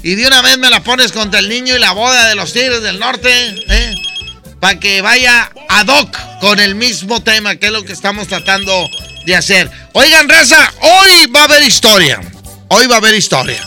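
A Mexican man hosts a call-in radio show with a high, bouncy voice. He jokes loudly with callers while music plays clearly underneath. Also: moderate pace. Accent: Mexican Spanish. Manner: loud joking banter with callers. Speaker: radio DJ host. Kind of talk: lively radio show hosting.

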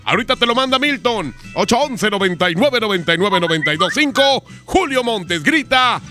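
A man's voice: sits high, lively intonation, brisk, bright, forceful tone, soft background music. A man hosting a radio show, pressing a caller for answers in a confrontational prank call. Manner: confrontational, interrogating and demanding answers.

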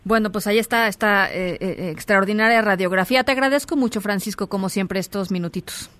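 A woman's voice: medium pitch, fairly quick, a bit bright, dry recording. A woman with a Mexican accent presenting radio news in a conversational style, as the show's host.

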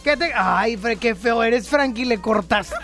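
A woman radio host with a Mexican accent runs a casual call-in show, playful and teasing and laughing often. Her voice is on the high side and fairly bright, with a measured pace, and soft music plays in the background.

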